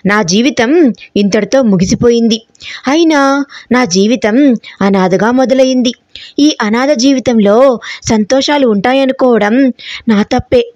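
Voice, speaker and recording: A proud, sharp-tongued young orphan woman in a read-aloud story, as a female narrator puts her on, answering back with sarcasm and wounded pride. The voice sits high. The recording is dull and dry, with no room sound. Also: no room sound, natural voice. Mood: sad. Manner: sarcastic, indignant retorts.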